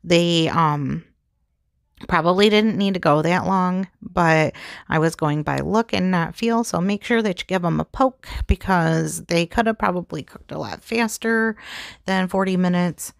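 A woman's voice: fairly low pitch, a little slow, vocal fry, dry recording, studio quality. A woman hosting a home cooking vlog, narrating her dishes in a chatty, homey way with small laughs. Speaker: cooking channel host. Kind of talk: casual cook-along narration. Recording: music playing underneath.

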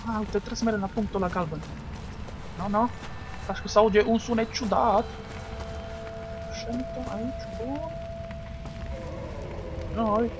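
Excitable high-voiced gamer. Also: male voice, long pauses, over music. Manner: excitable, shouts and trash-talks at enemies. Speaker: gaming video host. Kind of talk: let's play commentary.

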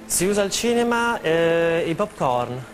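Slow, tentative male quiz contestant. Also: on the high side, very animated. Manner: tentative, thinking aloud before answering. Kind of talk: short spoken quiz answers. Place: large TV studio. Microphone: lapel mic. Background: music.

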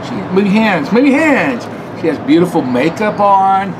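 Higher-voiced middle-aged man vlogging outdoors. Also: very animated, normal speed. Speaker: food review vlogger. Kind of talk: casual vlog chat. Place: outdoor fast-food patio. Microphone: camera at arm's length. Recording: noisy outdoor traffic background.

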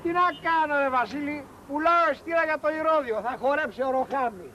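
Wheedling con-man witness, very high voice, roomy old film sound. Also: pushed and bright, muffled recording, a little hiss or hum. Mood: scheming. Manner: wheedling, persuasive, haggling. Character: smooth-talking, scheming male con-man witness. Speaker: professional false witness.

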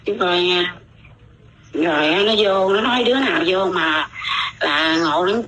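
A middle-aged woman speaks in a slightly low voice. She tells her own story in casual, spoken talk. She rambles and often repeats words as she goes. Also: unhurried, fairly bright tone, a little hiss or hum, rough recording. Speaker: interviewee, mother telling her story.

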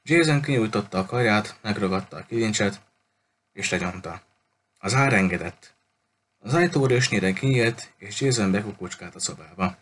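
A man reading a novel aloud as an audiobook in a steady way, with small slips and restarts. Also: fairly low pitch, breathy edge. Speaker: audiobook reader. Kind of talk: audiobook narration.

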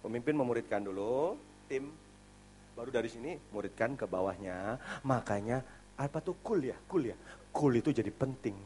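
A male pastor giving a sermon at a church service in a casual, animated way, swinging between loud emphasis and quiet asides. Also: medium pitch, normal speed, slight background noise.

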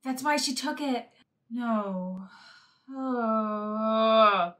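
A woman's voice: fairly high pitch, drawn-out words, a bit bright, a little hiss or hum. A woman in her twenties giving spontaneous reaction commentary in short exclamations and questions as she watches a film. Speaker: movie reaction host. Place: small furnished room indoors. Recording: film soundtrack playing behind the voice. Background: film music and dialogue.

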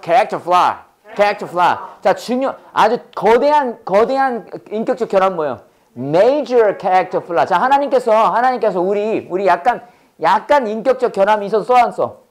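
A man's voice: sits high, expressive, normal speed. A man teaching an English lesson to a class, drilling students with constant questions and exaggerated pronunciation. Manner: drills students with repeated call-and-response questions.

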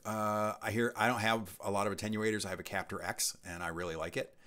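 A man's voice: on the low side, steady tone, quick pace, bright, forceful tone. A man hosting a casual live stream, reading out chat questions and answering in a rambling way with many ums and restarts. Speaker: livestream host.

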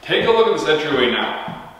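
A man's voice: a little high, sing-song, a little fast, a bit bright, a little hiss or hum. Young adult American male builder-host, explanatory delivery, heavy cave echo and long reverb from an empty house interior. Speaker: home builder hosting a project video. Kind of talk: explanatory presenting to camera. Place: large empty unfinished house interior, indoors.

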